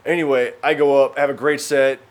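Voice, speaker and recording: A man's voice: medium pitch, flat delivery, brisk, slight background noise. A young man vlogging his travels in a wry, rambling, self-mocking way. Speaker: travel vlogger and stand-up comedian. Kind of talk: casual vlog chat.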